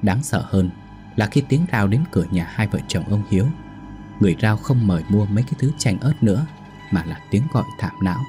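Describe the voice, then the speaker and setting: A man narrating a ghost story in a steady, suspenseful way. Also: on the low side, a little fast, faint music behind.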